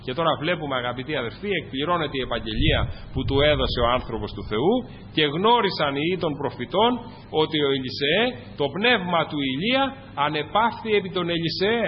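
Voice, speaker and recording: A man's voice: a little high, animated, slight background noise. A man preaching a sermon to his congregation, fervent and rising to cries on key phrases. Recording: dull lo-fi recording in a large reverberant hall.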